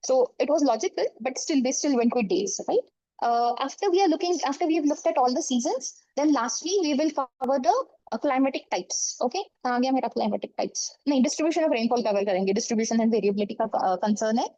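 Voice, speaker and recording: Fast, high-voiced North Indian woman teaching. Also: warm tone, dry recording, highs cut off. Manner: explanatory, often checking with okay and right. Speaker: geography teacher for exam coaching. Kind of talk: informal online lesson, switching between English and Hindi. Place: online class over screen share.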